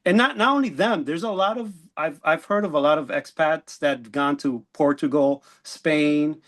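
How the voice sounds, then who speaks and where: A man co-hosting a casual podcast chat, earnest and indignant, pausing to search for words. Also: fairly high pitch. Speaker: podcast co-host.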